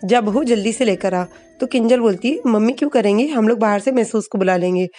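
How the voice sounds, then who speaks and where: Woman casually recapping a serial, soft music. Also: fairly high pitch. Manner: retells scenes with filler pauses and restarts, reading dialogue flatly. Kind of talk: casual spoken episode recap.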